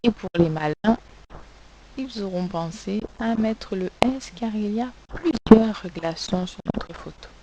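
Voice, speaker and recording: A woman's voice: medium pitch, measured pace, noisy background. A woman teacher giving a recorded spelling lesson to children, patiently spelling words out sound by sound. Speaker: primary school teacher.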